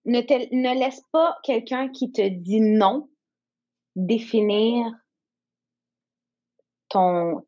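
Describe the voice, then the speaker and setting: This guest entrepreneur is a woman in her thirties whose first language is English, speaking French in an open, conversational interview. She comes across as reflective, hunting for the right words, with a fairly high, warm voice, drawn-out words and frequent pauses, while the audio has its highs cut off.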